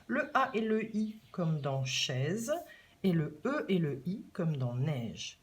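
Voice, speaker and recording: A woman's voice: deep voice, sing-song, slow pace. A woman with a French accent teaching young children handwriting, patiently repeating and stretching key words. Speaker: primary school teacher. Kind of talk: remote handwriting lesson for children.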